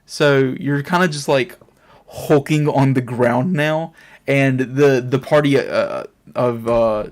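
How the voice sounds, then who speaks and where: Slow, halting man running a tabletop game. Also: mid-range voice. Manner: hesitant, laughing often, many fillers. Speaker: game master.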